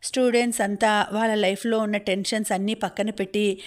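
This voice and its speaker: Female audiobook narrator, Telugu accent, mid pitch, voices all the characters in the dialogue lightly. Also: steady tone, fairly quick. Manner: reads all characters' lines in a lightly varied voice.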